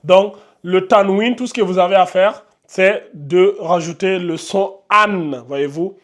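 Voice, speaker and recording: A man's voice: high voice, takes it slowly. A man teaching a lesson on Arabic letters, calling out each sound and checking in with his viewers. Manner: drills sounds aloud, stressing letter names; addresses viewers directly, frequent checks. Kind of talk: whiteboard lesson.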